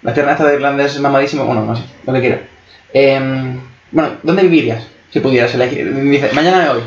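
A young man talks quickly and teases his friend while asking questions. The sound is dull and lo-fi, with an echoing room around him. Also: medium pitch, steady tone. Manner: fast, teasing, asks questions. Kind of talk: casual chat.

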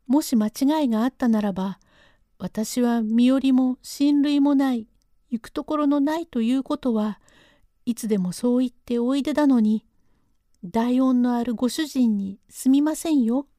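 A woman's voice: high-pitched, normal speed, mellow, no echo, clean studio sound, lightly acted. A woman doing a frightened young maidservant. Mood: reproachful. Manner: reproachful, protesting. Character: young female servant, frightened and protesting.

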